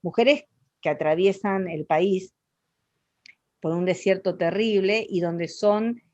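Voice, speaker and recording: A woman's voice: mid-range voice, slow pace, darkish tone, dry recording, highs cut off. An Argentine woman with an Argentine Spanish accent, talking expressively in a casual interview, with many fillers and restarts.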